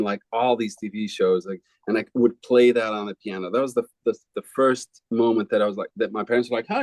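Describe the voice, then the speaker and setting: A man in his forties from Belgium, a film composer answering interview questions in a relaxed, rambling way with frequent restarts. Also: lowish voice, no echo, poor audio.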